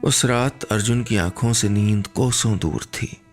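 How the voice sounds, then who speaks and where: Male radio storyteller, calm, deep-toned, light music bed. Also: unhurried. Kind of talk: scripted story narration.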